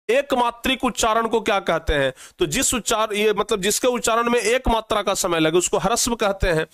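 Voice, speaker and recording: High-voiced teacher, coaxing. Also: male voice, a bit bright, dry recording, studio quality. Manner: coaxing, repeats questions, calls students babu. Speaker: Hindi grammar teacher. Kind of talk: exam-prep lesson.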